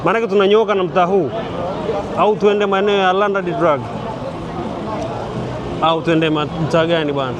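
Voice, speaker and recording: The Tanzanian vlogger's voice sits high, and he speaks at a moderate pace with long pauses as he walks a busy city street at a night celebration. He keeps things casual, joking and laughing with viewers, though the audio is muffled and the loud crowd and music add noise.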